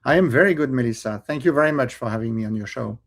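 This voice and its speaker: A man from France with a French accent, a cookbook author chatting as a guest on a podcast, pausing often with fillers and restarts. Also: medium pitch, creaky. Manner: hesitant, many fillers and restarts, laughs often. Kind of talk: casual interview chat.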